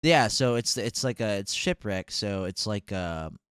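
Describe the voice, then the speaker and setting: Male podcast host, low smooth voice, dry close mic, jokey and profane. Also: expressive, unhurried, a bit bright, no room sound. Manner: joking, storytelling, swears casually. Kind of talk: casual chat.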